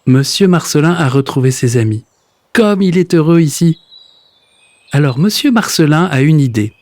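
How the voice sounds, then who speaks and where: A man reading a children's story aloud in a gentle, expressive way. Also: fairly high pitch, normal speed, no room sound. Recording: hissy recording.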